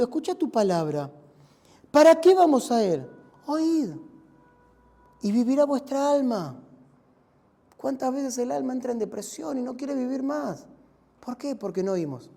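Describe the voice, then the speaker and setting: A man with a Rioplatense Spanish accent, preaching a sermon in a church, swinging between loud shouts and hushed, quiet lines. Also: very high voice, sing-song, moderate pace, gravelly, pauses often. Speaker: pastor.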